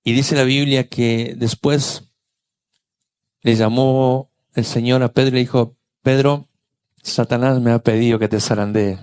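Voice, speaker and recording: A man preaching a sermon as pastor, acting out Bible scenes with voices and lively storytelling. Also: mid-range voice, a little slow, smooth.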